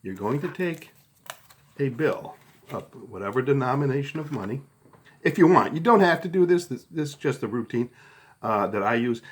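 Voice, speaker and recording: Teaching a card trick, a middle-aged man explains each hands-on step in a relaxed, chatty manner and keeps checking in with his audience. He speaks at a normal speed in an animated, mid-range voice that is slightly rough.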